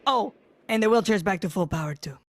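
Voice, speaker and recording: A man's voice: sits high, expressive, a little fast, noisy background. A man voicing a feisty, sarcastic old grandmother in a cartoon. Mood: feisty, gleeful.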